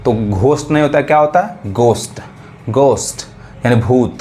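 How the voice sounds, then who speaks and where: Guy doing an english pronunciation class, says words slow, keeps checking u got it. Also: medium pitch, a little mellow, soft background music. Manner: repeats words slowly to drill pronunciation; asks the viewer if they follow. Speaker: English teacher. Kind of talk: classroom lesson.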